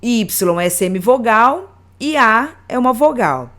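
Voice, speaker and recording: A woman teaching a grammar lesson, reading out examples slowly and deliberately word by word. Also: fairly high pitch, expressive, a bit bright.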